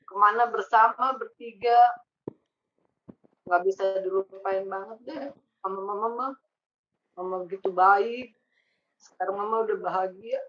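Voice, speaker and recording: A woman's voice: fairly high pitch, fairly bright tone. A woman speaking tenderly about a loved one she remembers, in casual talk. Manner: tender, reflective. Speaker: family member sharing memories. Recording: slightly dull audio with faint noise.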